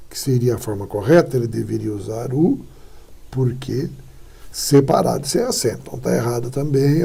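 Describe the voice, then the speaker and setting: A man teaching a recorded exam-prep lesson, his voice gravelly and a little husky. He keeps checking in with short tag questions as he walks through each answer, explaining patiently. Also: medium pitch, dark tone.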